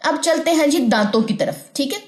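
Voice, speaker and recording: Higher-pitched woman teaching Quran recitation. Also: expressive, darkish tone, reverberant. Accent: Pakistani Urdu. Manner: explains patiently, models letter sounds slowly. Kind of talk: online tajweed lesson.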